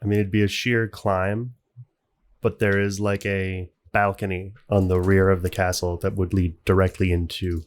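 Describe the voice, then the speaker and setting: A man's voice: low-pitched, little pitch movement, normal speed. A man acting as game master, improvising scene narration for a tabletop role-playing game in a conversational way. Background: background music.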